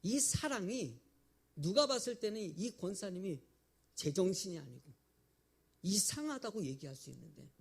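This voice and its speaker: A male pastor delivers an animated sermon and puts questions to his congregation. His voice sits high for a man and swings widely in pitch. There is a gravelly edge to it.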